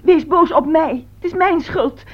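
A woman's voice: extremely high pitch, unhurried. An actress playing a grieving middle-aged mother in a radio play, pleading and blaming herself through tears. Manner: tearful, pleading and self-blaming. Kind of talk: radio drama acting. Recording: dull lo-fi radio recording.

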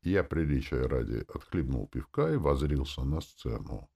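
Low-voiced guy reading a fantasy audiobook, pitch swings a lot. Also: moderate pace, vocal fry, husky. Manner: lively, voices the crowd and characters. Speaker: audiobook narrator.

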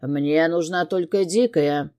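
A woman's voice: low-pitched, slow, mellow, clear, resonant tone. A woman reading an audiobook and voicing an arrogant, dismissive male criminal partner who talks curtly. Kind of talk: audiobook character voice.

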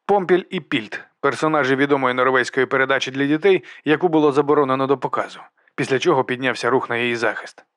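Male audiobook narrator, mid pitch, calm and measured, close dry recording. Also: dry recording. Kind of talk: scripted narration.

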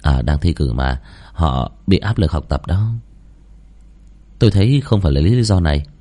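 Cool scheming young man, voiced by a man, deep, quiet, composed, audio story. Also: expressive, normal speed. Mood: evasive.

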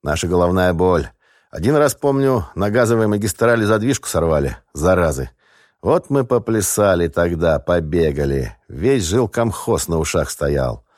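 A man's voice: low voice, animated, moderate pace, a little mellow, no room sound, clean studio sound. A man doing a sly, brazen smirking scout. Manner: sly, offhand.

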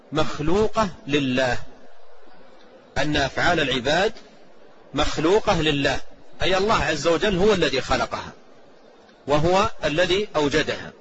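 Male sheikh, lecture delivery, higher-set voice, repeats points for emphasis; dull lo-fi recording, faint hiss. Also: a bit bright. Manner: measured, repeats key phrases for emphasis; recites quoted scripture and hadith. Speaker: sheikh teaching a creed text. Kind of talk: lecture explaining a classical text.

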